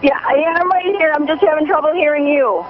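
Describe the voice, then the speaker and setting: A woman's voice: high voice, brisk. A woman from the United States calling in on a bad phone connection that keeps cutting out, talking in a hesitant, unsure way. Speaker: caller. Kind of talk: phone-in chat with a reader. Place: outdoors. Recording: muffled noisy phone line.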